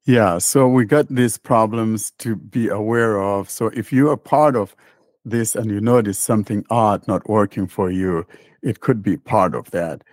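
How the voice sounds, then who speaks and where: A man with a low voice chats through a tech podcast in an easygoing, rambling way. Now and then he slips in dry sarcasm. He is recorded dry and close on the mic. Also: unhurried, a little mellow, no room sound. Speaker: podcast host. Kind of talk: casual tech podcast chat.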